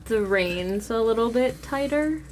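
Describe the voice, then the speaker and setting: A woman takes part in a tabletop role-playing game. Her voice is on the higher side, and she talks casually, thinking aloud with some hesitation. Light room noise is audible behind her. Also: lively intonation, a little slow, a little mellow. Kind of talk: casual improvised role-play chat.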